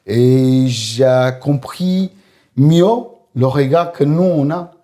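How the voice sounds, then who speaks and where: A man from Romania, speaking in a casual podcast chat in a halting way, repeating words and using phrasing. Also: mid-range voice, warm tone. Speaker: podcast guest.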